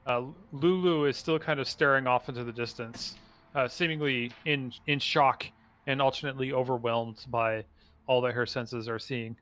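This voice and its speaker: A man's voice: medium pitch, fairly even intonation, moderate pace, fairly bright tone, clear, resonant tone. A man narrating a tabletop game as dungeon master, stumbling through restarts and fillers.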